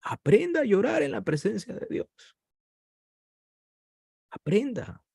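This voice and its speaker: A man's voice: sing-song, slow pace, creaky, warm tone, breathy edge, no echo, clean studio sound. A man preaching a sermon with passion, his voice rising sharply at points of emphasis. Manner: impassioned preaching with sudden rises in pitch. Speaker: pastor.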